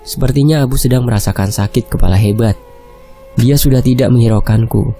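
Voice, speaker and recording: A man reading a horror novel aloud in a steady, calm narration. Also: medium pitch, brisk, faint music behind. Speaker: audiobook narrator.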